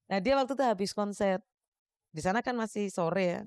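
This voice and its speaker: A middle-aged woman recounting a personal story in an animated way, acting out the dialogue she quotes. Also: mid-range voice, fairly quick, clear, resonant tone, dry recording. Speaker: interviewee telling her story.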